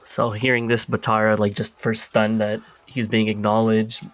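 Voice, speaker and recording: A man's voice: fairly low pitch, monotone, moderate pace. A man playing a tabletop game, describing his character's actions in a rambling way. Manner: rambling, frequent "like". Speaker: player. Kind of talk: in-character narration.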